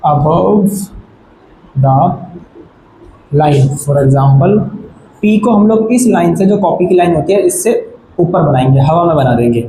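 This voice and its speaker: The room echoes slightly, with faint noise behind, as a man whose mellow voice sits high teaches shorthand at a board at a moderate pace. Patient and methodical, he repeats "ठीक है" to confirm his students are keeping up.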